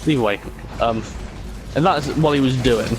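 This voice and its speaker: Male gamer, mid-pitched voice, loose sweary rambling with mocking impressions, clear music behind him. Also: normal speed, low-quality recording. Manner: sweary, frequently mimics others mockingly. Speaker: video game streamer. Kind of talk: casual rambling chat while gaming.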